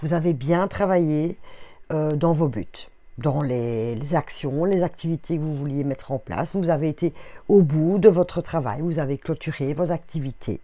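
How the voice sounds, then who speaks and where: A woman with a Belgian French accent giving a gentle, unhurried oracle card reading straight to her viewers. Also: deep voice, no room sound.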